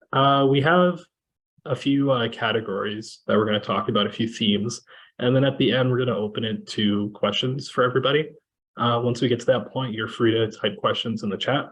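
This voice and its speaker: A man from Kenya moderating a panel discussion over a video call, talking in a measured way with many fillers. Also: medium pitch, a bit bright, rough recording. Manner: measured, with frequent fillers and restarts.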